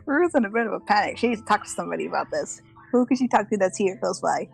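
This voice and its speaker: A woman playing a tabletop game, describing her character's actions in a giggly, animated way. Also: medium pitch, fast, creaky, faint music behind. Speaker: player.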